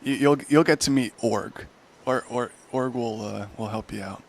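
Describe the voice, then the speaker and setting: Man voicing a proud half-elf town leader, self-important, hurried, tabletop game. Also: medium pitch, natural voice.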